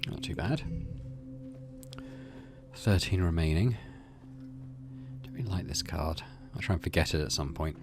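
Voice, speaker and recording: This middle-aged gaming video host has a deep voice, talking a little slowly and pausing often. He reads the story text aloud and offers casual commentary while game music plays.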